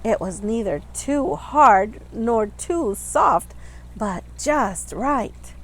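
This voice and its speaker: A woman with a fairly high voice reads a storybook slowly and animatedly, teacher-style, emphasizing and elongating words for a young audience while chatting about the pictures. The recording is low quality.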